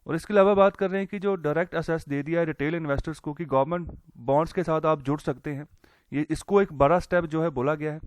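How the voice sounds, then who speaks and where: A man with a fairly high pitch talks fast while breaking down a newspaper editorial for a casual economics lecture. He keeps it conversational, with many fillers and English terms mixed in, and the audio has no echo.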